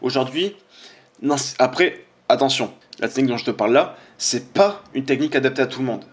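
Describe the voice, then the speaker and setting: A man's voice: medium pitch, animated, fairly quick. A man, a fitness coach giving casual, chatty commentary on social media posts, informal and full of fillers.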